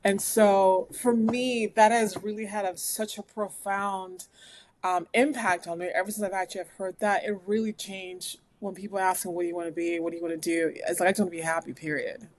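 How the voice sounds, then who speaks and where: Woman, 40s, interview guest, animated rambling storyteller. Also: mid-range voice, brisk. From United States, West African family. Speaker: guest, lawyer and speaker. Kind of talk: conversational interview. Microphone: remote recording.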